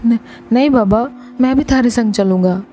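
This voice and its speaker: Woman voicing a hot-headed young village boy, high and pleading, for a storybook. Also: normal speed, warm tone, soft background music, close to an everyday voice. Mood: anxious. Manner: pleading, tearful and breathless at times.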